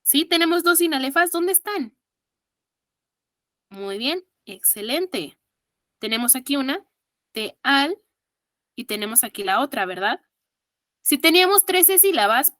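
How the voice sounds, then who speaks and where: Mexican woman teaching online, slow and patient, kinda high voice, dry close mic. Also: a bit bright, dry recording. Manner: slow, patient, counts syllables aloud and praises students. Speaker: exam prep teacher. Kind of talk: online class.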